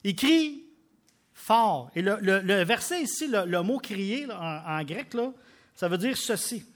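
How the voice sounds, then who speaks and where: A man with a Québécois French accent preaching a sermon, emphatic, with loud bursts and quiet drops. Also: high-pitched, animated, measured pace. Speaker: pastor.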